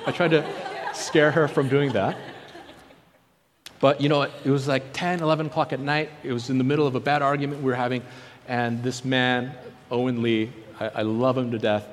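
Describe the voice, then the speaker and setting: A South Korean-born man preaches through personal testimony, earnestly telling his story and acting out conversations he remembers. His medium-pitched voice barely moves and his pace is moderate. The recording has long hall reverb, chatter behind him, and a little hiss or hum.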